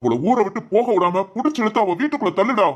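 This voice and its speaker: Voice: mid-range voice, lively intonation, fast, natural voice. Voice actor as a bossy village head. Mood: scheming. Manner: commanding, barking orders. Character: stern scheming male village head. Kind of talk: cartoon drama voice acting.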